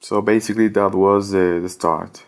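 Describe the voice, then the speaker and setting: This podcast guest, an Ecuadorian man in his thirties, uses a fairly low, steady voice at a moderate pace, his English carrying an Ecuadorian Spanish accent. He hesitates a lot, filling gaps with fillers as he reaches for words in the interview.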